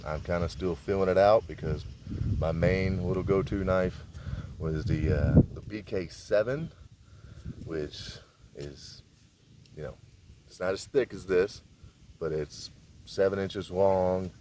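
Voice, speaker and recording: A man demonstrating survival skills outdoors in a relaxed, rambling, folksy way. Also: deep voice, measured pace, long pauses, a little hiss or hum. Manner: laid-back, rambling, folksy. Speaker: survival vlogger. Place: outdoors in a rural area.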